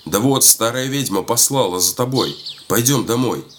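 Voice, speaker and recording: A man's voice: mid-range voice, lively intonation, normal speed, slight background noise, pitched above the performer's own voice, natural voice. A man voicing a weary old peasant grandpa. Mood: calm. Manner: shouting across the yard, exasperated.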